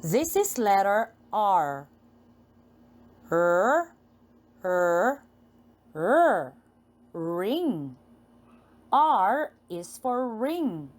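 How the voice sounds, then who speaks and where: This Filipino-accented woman pronounces letters and words slowly and repetitively for small children in a phonics lesson, her delivery sing-song. She speaks at a medium pitch.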